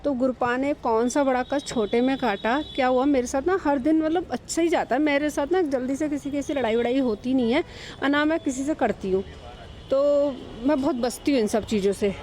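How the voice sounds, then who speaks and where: A woman's voice: sits high, fairly quick, darkish tone. A woman in her thirties, a devotee, telling a personal story in a chatty, hesitant way with many fillers. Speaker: devotee sharing a testimony. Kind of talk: casual spoken testimony. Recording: faint background noise.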